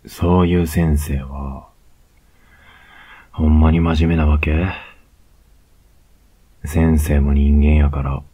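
A man's voice: a bass voice, husky, dull audio, heavily acted. Man playing a cocky, teasing Kansai student. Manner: slow, close, teasing murmur with soft laughs. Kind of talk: whispered role-play.

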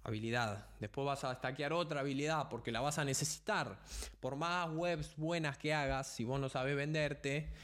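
A man's voice: mid-range voice, normal speed, a bit bright. A young man with a Rioplatense Spanish accent giving an emphatic motivational business talk, speaking straight to the listener. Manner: emphatic, punchy, addresses the listener directly. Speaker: podcast host.

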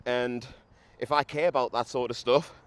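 A man's voice: mid-range voice, fairly even intonation, normal speed, clear, resonant tone. A young man, hungover and still a bit tipsy, talking bluntly and swearing freely in a casual, self-mocking monologue as he walks. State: hungover, still a bit drunk after a run. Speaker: podcaster. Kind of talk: casual walking monologue to camera. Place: outdoors, walking along a street. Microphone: handheld microphone and camera. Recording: noisy outdoor recording with traffic.

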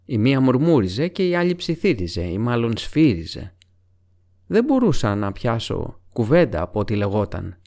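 A man's voice: medium pitch, big pitch swings, a little mellow. A man doing Merry, a breathless young hobbit. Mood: urgent. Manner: breathless, urgent telling. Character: young male hobbit, frightened and eager.

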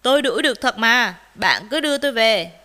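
A woman voicing a proud, brave male rooster in a children's story, crowing and singing loudly. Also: high-pitched, big pitch swings, a little slow, pitched above the performer's own voice, exaggerated voice. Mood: confident. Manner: crowing, sing-song, declaiming.

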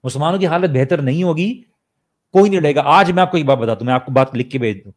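A man speaking in an impassioned discussion, fervent, pushing his pitch up hard to stress points and mixing English into Urdu. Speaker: main speaker.

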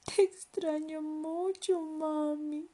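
A woman voicing a small, sad leopard cub in a storybook reading, with high squealing cries. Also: fairly even intonation, drawn-out words, warm tone.

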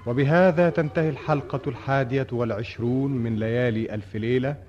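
A man's voice: mid-range voice, steady tone, fast, a little mellow, soft background music. A man narrating and announcing a radio drama in formal scripted style. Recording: muffled old radio recording, faint noise.

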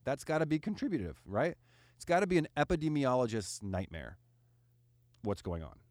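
A man talks loosely and at length in a casual podcast chat. His pitch swings widely and his delivery is rambling, full of fillers and restarts. The close mic sounds dry, with no room around it. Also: sing-song, fairly quick, darkish tone, no room sound.

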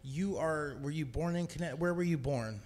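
A man's voice: fairly high pitch, brisk, darkish tone. A man hosting a podcast in casual chat, laid-back, who repeats words and corrects himself. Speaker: podcast host.

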